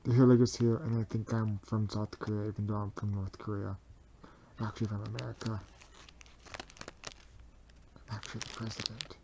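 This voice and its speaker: A man voicing a sneaky male plush-bear double agent in a homemade toy video, muttering low and quiet. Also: flat delivery, a little fast, long pauses, lo-fi sound, a little hiss or hum, natural voice. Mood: scheming.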